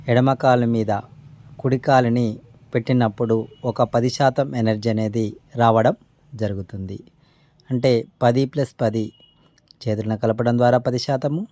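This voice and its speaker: Calm man teaching meditation, mellow voice. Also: medium pitch, no echo. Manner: calm, unhurried, pausing between short phrases; respectful formal greeting. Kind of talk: spoken meditation instruction.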